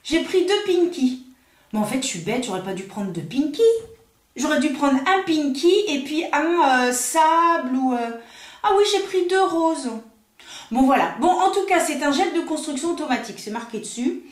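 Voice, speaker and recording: A woman's voice: sits high, lively intonation, normal speed. A French woman and nail technician chatting casually while unboxing, thinking aloud with many fillers. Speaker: nail technician and makeup artist. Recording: roomy echo.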